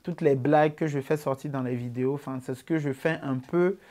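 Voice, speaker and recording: Relaxed and full of filler words, this Ivorian man in his twenties responds to interview questions about his comedy work. He speaks in a mid-range voice at a fairly quick clip, with the accent of his native Ivory Coast.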